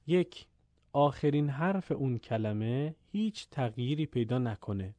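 A man teaching the rules of pausing in Quran recitation, explaining calmly and stopping to chant short verses slowly. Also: medium pitch, no echo. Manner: asks the listener questions and answers them. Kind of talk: tajweed lesson with recited examples.

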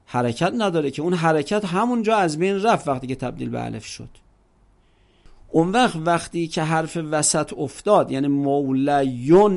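Patiently explaining Arabic grammar, a man whose voice runs on the high side draws words out and asks rhetorical questions as he teaches.

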